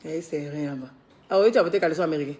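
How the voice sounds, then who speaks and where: A tired woman with a deep, slightly mellow voice hosts a casual live stream from her villa under construction, talking very fast amid a little hiss or hum. She chats, teases, reads out viewer comments and scolds the workers.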